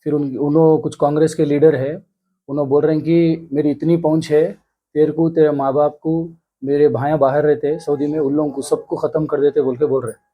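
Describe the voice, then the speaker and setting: A man in his thirties with a Hyderabadi accent, giving an earnest, halting news interview. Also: on the high side, level tone, muffled recording. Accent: Hyderabadi Hindi. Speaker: interviewee, complainant. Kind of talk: news interview, recounting an attack.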